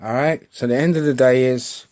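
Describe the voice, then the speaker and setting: A man's voice: mid-range voice, fairly even intonation, moderate pace, darkish tone. Blunt British man, fifties, swearing vlogger ranting straight to camera, repeats himself. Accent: British English. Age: 50s. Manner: blunt, repetitive, swears a lot, says mate. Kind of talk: blunt opinion rant.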